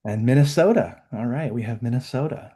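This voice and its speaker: A man's voice: medium pitch, fairly quick, warm tone, breathy edge. A man hosting an online webinar, chatting casually in an upbeat way with lots of fillers. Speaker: webinar host.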